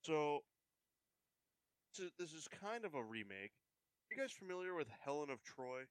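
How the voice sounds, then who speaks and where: A man's voice: on the high side, big pitch swings, moderate pace, smooth, dry recording. A man chatting casually with friends, rambling and hesitant with lots of fillers, amused. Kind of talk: casual chat.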